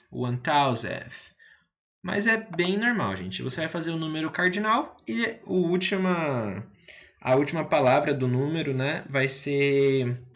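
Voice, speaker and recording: A man's voice: mid-range voice, fairly bright tone, lo-fi sound. A man teaching English to viewers, explaining patiently, repeating words and checking in with his listeners.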